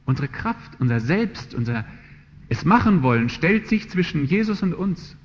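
Earnest German preacher in a reverberant hall. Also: male voice, on the high side, very animated, normal speed. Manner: earnest, rising to emphatic passages. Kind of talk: sermon. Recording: dull lo-fi sermon recording with hall reverb and faint background noise.

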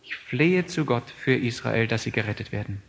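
A man preaching a sermon, earnest, asking his listeners questions and moving from quiet reflection to raised emphatic appeals. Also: mid-range voice, expressive, moderate pace, vocal fry. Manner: asks the listeners many questions.

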